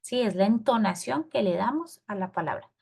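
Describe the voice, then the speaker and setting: A woman's voice: mid-range voice, animated, normal speed, creaky, darkish tone, slightly rough. A woman teacher, explaining a lesson patiently and often checking with her students. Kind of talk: recorded class lesson.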